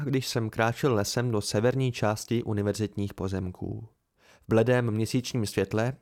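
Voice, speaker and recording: A man reading fiction aloud for an amateur audiobook, telling it steadily in first person. His mid-pitched voice carries a strong gravelly fry. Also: darkish tone. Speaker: audiobook reader.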